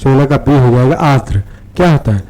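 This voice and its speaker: A man's voice: medium pitch, animated, brisk, warm tone, low-quality recording. A man explaining practice questions to exam students, repeating words and often checking in with "theek hai". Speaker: exam-prep teacher.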